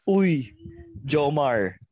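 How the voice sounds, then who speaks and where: A man's voice: fairly high pitch, sing-song, drawn-out words, a little mellow. A man co-hosting a podcast, telling a story in a rambling, hesitant way and giggling. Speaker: podcast co-host. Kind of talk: casual storytelling.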